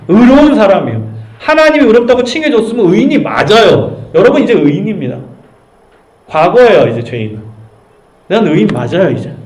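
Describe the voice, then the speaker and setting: A man preaching a youth sermon as pastor, animated and speaking directly to the congregation. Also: high-pitched, roomy sound, poor audio.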